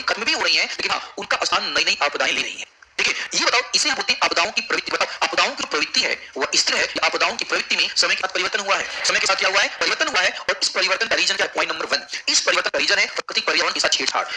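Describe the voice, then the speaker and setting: Male geography teacher, rapid-fire call-and-response lecturing, high bright voice, faint room noise. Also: poor audio. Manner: drills students with repeated questions. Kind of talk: classroom lecture. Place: classroom.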